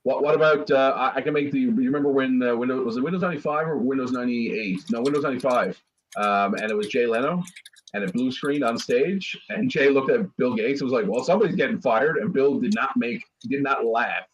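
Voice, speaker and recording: A man's voice: mid-range voice, brisk. A man hosting a casual podcast chat, rambling and jumping between tangents. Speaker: host. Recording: dull lo-fi audio with faint noise.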